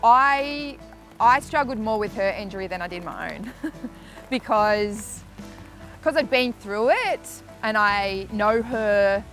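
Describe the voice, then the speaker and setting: A woman's voice: medium pitch, expressive, slow pace, fairly bright tone, soft background music. A young woman, a netball player, speaking candidly and emotionally in a documentary interview, often trailing off into fillers.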